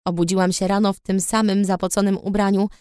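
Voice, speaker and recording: Female audiobook narrator, first person; even, reflective delivery; dry, close studio sound. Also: medium pitch, quick pace, smooth, no echo.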